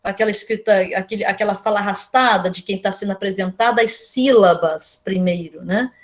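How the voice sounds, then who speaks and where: A woman's voice: medium pitch, a little fast. A Brazilian woman lecturing to her students in a casual, explanatory way, often asking them rhetorical questions. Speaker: university lecturer. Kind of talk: online class lecture.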